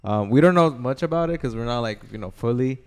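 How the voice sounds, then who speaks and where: A man's voice: medium pitch, expressive, fast talker, clear, resonant tone, faint music behind. A young man co-hosting a casual podcast, rambling with stammered restarts and plenty of fillers. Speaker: podcast co-host. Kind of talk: casual chat.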